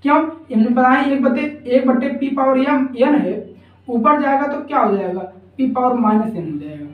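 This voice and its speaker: A woman with a fairly high voice teaches maths step by step, often stopping to check that her students are following. She sounds some way off from the mic, in an echoey room. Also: normal speed, far from the mic, narrow, tinny audio. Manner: repetitive, asks rhetorical questions, often checks with "ठीक है ना". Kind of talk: explaining a maths lesson step by step.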